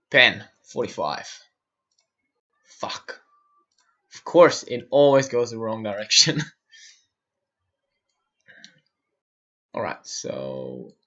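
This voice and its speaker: During a live-stream tutorial, an Austrian man mutters to himself while working through a software build and answering viewers' questions. His mid-range voice comes through in lo-fi sound.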